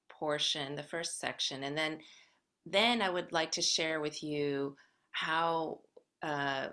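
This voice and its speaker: Female workshop lecturer, American accent, very unhurried delivery, clear-cut bright tone, addresses the group directly. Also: deep voice. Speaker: guest lecturer in music education. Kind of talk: workshop presentation with gentle guidance.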